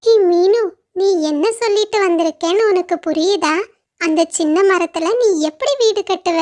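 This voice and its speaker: A woman voicing a clever, lively young parrot in a cartoon, quick and exclaiming. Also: very high voice.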